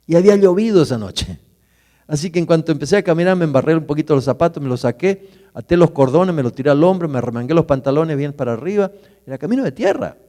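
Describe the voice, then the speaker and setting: A middle-aged man, preaching as a pastor and telling a personal story vividly, his voice going from loud to hushed. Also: fairly high pitch, expressive, fast talker. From Argentina. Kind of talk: sermon storytelling. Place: church hall. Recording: church hall with long reverb.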